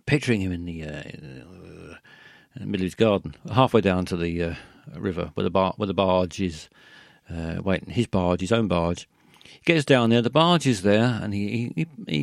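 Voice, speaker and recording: A man hosting a call-in radio show, rambling in a halting way with many fillers and restarts. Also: low-pitched, creaky, no echo, clean studio sound.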